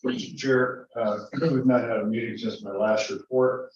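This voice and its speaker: A man's voice: medium pitch, fairly even intonation, moderate pace, darkish tone. A man legislator giving a brief committee report at a formal meeting, with "uh" fillers. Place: county legislature meeting room. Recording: dull, echoey chamber audio from a distant mic.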